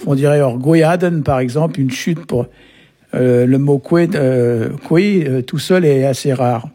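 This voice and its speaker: Husky-voiced man patiently explaining words. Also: medium pitch, unhurried, dark tone. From Brittany. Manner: patient, explanatory, peppers talk with short tags. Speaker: language teacher. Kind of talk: explaining words on a radio lesson.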